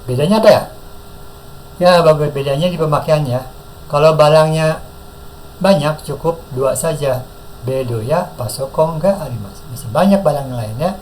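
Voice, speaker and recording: A man with an Indonesian accent teaching a Japanese class, drilling words slowly and praising the learners often. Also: a little high, a little mellow, slight background noise, rough recording. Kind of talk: classroom lesson with call-and-repeat drills.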